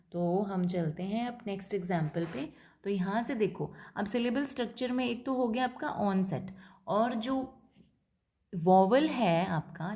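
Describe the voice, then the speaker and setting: A woman teaching English linguistics, explaining in Hindi mixed with English terms and reading English definitions out slowly, often checking that students follow. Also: mid-range voice, dark tone. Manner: keeps checking in with the class, repetitive and patient. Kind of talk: lecture explaining syllable structure.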